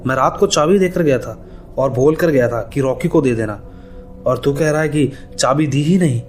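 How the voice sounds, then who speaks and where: A man voicing a hurried, irritable young office worker who talks in quick, agitated bursts. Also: a little high, expressive, faint music behind, pitched above the performer's own voice, lightly acted. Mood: irritated.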